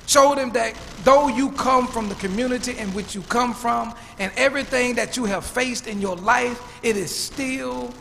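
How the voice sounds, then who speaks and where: A man preaches a storytelling sermon. His voice sits high for a man and rings out with a long church reverb, with faint room noise behind it. He repeats words as he builds toward each point. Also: a bit bright. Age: 50s. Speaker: pastor.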